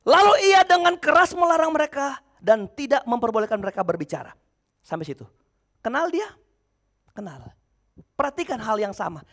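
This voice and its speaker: A male preacher with a high voice that swoops all over, preaching a sermon. He fires questions at the congregation and answers them himself. He jumps between loud shouted lines and quiet asides. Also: very animated, normal speed, long pauses. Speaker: pastor.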